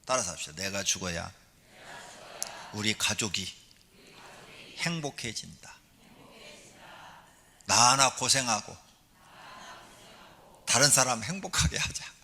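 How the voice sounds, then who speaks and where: Animated Korean pastor in a reverberant church hall. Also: male voice, slow, long pauses, slight background noise. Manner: animated preaching, acts out a nagging wife in a high voice. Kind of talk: sermon.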